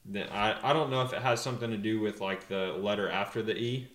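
A young man and pro rider answering interview questions in a relaxed, hesitant way, full of fillers and restarts. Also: lowish voice, fairly quick, reverberant. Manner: laid-back, hesitant, many fillers and restarts. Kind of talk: casual interview.

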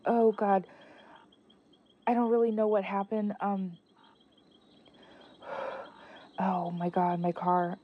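A woman's voice: medium pitch, level tone, takes it slowly, pauses often. An actress playing a panicked young woman leaving a voicemail after a car crash, stammering and breathless, heard over a landline phone. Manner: stammering, breathless, dropping to a whisper. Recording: dull phone-line voicemail.

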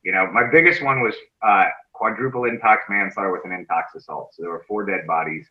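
A man's voice: on the low side, brisk. A man working as a criminal defense lawyer, telling stories in a casual interview in a brash, profane way. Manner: brash, profane, acts out quoted voices. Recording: echoey dull room sound.

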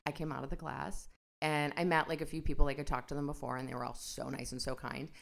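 A woman in her thirties co-hosting a podcast, chatting casually and telling animated stories, acting out the voices of people she quotes. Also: low-pitched, fast talker, vocal fry. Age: 30s. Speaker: podcast co-host. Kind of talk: casual chat.

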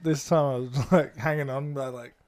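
A man's voice: mid-range voice, steady tone, moderate pace, darkish tone. A man with an Australian accent telling anecdotes casually in informal slang.

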